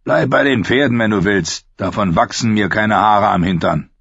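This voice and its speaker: A man voicing a hardened warrior who talks bluntly, rough and contemptuous. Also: lowish voice, moderate pace, fairly bright tone, dry recording, full character voice. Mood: scornful. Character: gruff hardened scarred warrior, scornful. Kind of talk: audiobook character voice. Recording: dull, lo-fi, dry.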